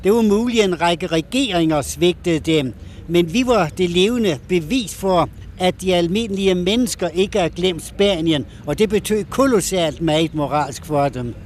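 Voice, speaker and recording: A man's voice: high voice, expressive, a little hiss or hum. An older man giving earnest testimony, searching for words, on an archival recording. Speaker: interviewed veteran volunteer. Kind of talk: recalled testimony.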